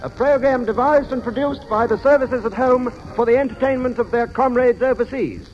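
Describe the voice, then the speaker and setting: A man announces in a stately, measured 1940s radio manner, his voice sitting quite high. He comes through a muffled old broadcast recording. Music plays beneath him. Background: music playing underneath.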